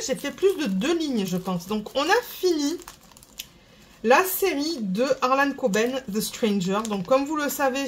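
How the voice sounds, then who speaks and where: A woman's voice: high voice, a bit bright. Female vlogger, casual rambling chat with faint noise under it. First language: French. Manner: rambling, stops to search for words.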